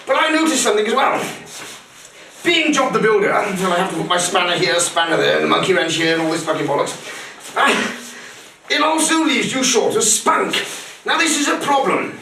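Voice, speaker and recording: A man's voice: sits high, sing-song, a little fast, vocal fry, sharp tone. A man rambling through a crude mock-instructional comedy monologue, swearing a lot. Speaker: comic performer. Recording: echoey room, far mic, noisy.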